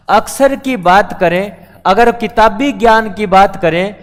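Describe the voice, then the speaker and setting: A man teaching Hindi grammar in a live online class, explaining patiently step by step and answering his own questions. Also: sits high. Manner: patient, explains step by step, calls students beta; repeats questions and answers them himself. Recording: long echo of a reverberant room.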